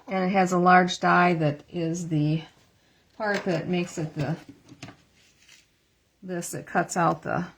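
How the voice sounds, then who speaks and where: A woman demonstrates card making at her craft table in a relaxed, chatty way. She talks herself through each step as she works. She is recorded through an iPad camera. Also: lowish voice, slow, pauses often. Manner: chatty, thinks aloud while working. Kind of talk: casual craft tutorial. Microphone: iPad camera on a stand.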